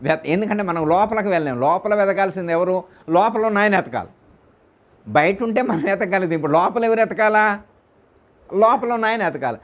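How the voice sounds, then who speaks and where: A man's voice: high voice, expressive, fairly quick. A man as spiritual teacher giving a discourse in a private home, repeating his phrases and putting questions to his listeners.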